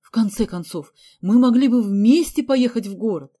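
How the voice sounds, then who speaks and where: A woman's voice: a little high, normal speed, warm tone, close to an everyday voice. A woman voicing an anxious, reproachful older governess in an audiobook.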